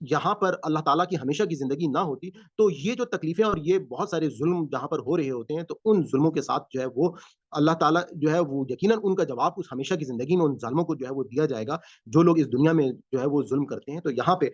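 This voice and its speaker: Guy teaching a quran class on zoom, calm explainer, dry muffled call audio. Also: mid-range voice, no echo. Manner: calm explaining with many fillers. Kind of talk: online class lecture. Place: home, video call. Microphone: video call mic. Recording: dull lo-fi video call audio.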